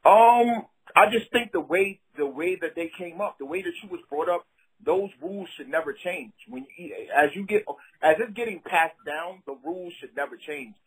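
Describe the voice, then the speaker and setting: A man with a Brooklyn accent and a husky voice, a rapper talking casually in an interview in slangy, streetwise, emphatic phrases. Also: sits high, expressive, normal speed, poor audio. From Brooklyn, New York City.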